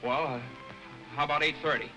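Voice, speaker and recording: An actor playing a halting shy young man. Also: a little high, fairly even intonation, over music, lightly acted, low-quality recording. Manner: hesitant, halting, with fillers. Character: shy, stammering young man in old films. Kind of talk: classic film acting.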